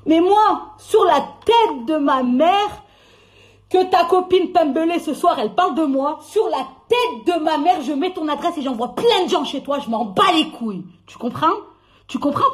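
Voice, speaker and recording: A young woman's high voice rants angrily into a phone during a live stream. She swears freely and jumps from loud outbursts to low, grumbling asides. Her heated talk barrels on without pause. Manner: angry, swearing, swings between shouting and muttering.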